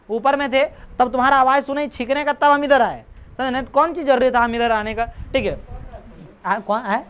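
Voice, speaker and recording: Casual teacher explaining a story. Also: male voice, extremely high pitch, fairly bright tone. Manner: casual Hindi-English mix, reads English lines slowly and haltingly; chatty, jokes and scolds the class. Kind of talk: classroom lesson explaining an English story.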